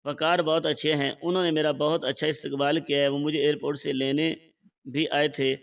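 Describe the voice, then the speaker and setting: A man voicing a young educated bride who has been deceived, speaking in a subdued, quiet way. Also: fairly high pitch, level tone, vocal fry. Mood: forced calm. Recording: voice slightly far from the mic.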